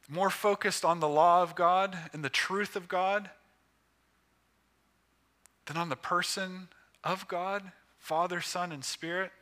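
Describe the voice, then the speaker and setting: A man preaching a sermon with emphatic, measured phrasing broken by pauses. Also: high-pitched, pushed and bright.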